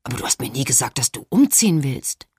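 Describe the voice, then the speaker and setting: A woman's voice: low-pitched, very animated, breathy edge, full character voice. A woman voicing a frazzled, exhausted young mother who speaks bluntly to her friend in an audiobook. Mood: hurt. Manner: blunt, hurried.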